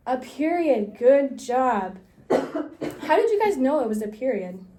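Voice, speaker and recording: A woman's voice: sits high, big pitch swings, slow pace, warm tone, slight background noise. A young woman student teacher leading a classroom micro-teaching lesson, upbeat and encouraging, with frequent laughs.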